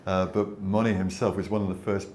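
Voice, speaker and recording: Deep-voiced older man, reflective gallery talk. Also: level tone, brisk, darkish tone, a little hiss or hum. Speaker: landscape photographer. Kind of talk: conversational exhibition talk. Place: exhibition space before an audience.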